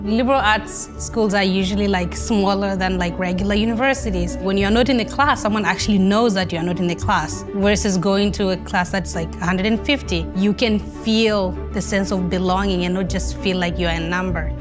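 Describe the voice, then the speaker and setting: A woman's voice: medium pitch, fairly even intonation, moderate pace, hardly any pauses. A woman from Tanzania, a college senior, speaking casually in a promotional video interview. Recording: music bed under voice. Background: background music.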